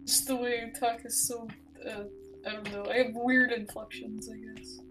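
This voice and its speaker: A woman's voice: on the high side, flat delivery, moderate pace, a bit bright, faint music behind. A woman chatting casually on a game stream, giggling and tossing in joking asides. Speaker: streamer co-host. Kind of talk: casual gameplay chat.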